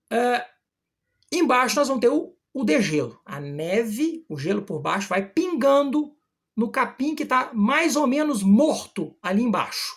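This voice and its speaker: Husky-voiced woman teaching poetry. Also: mid-range voice. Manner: explains step by step, slows to read verses aloud. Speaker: literature teacher. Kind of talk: explanatory poetry lesson.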